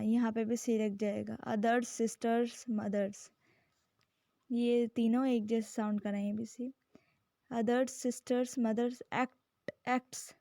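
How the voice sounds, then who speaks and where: Brief: patient woman teacher, high voice, unhurried lesson delivery, dry close sound. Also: creaky, warm tone, dry recording. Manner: slow, patient, repeats words and "ठीक है" often; reads English definitions very slowly. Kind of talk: classroom-style lesson explaining a poem.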